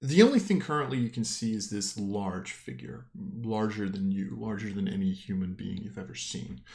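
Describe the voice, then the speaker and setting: A man's voice: fairly low pitch, animated, moderate pace, vocal fry, a little mellow. A man improvising descriptive, conversational narration as the game master of a tabletop role-playing game.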